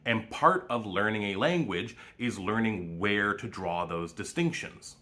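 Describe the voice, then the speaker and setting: Bright-voiced Canadian man explaining sounds. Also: lowish voice, unhurried. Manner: clear, explanatory, demonstrates vowel sounds. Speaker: language educator. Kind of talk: explainer video.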